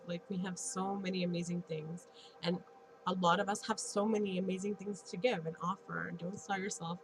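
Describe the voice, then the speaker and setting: A woman's voice: lowish voice, rough recording. A woman in her late thirties with a stuffy nose, talking earnestly and encouragingly to her vlog viewers, often laughing between thoughts. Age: 30s. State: congested. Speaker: vlogger and Reiki practitioner. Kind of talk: casual motivational vlog talk.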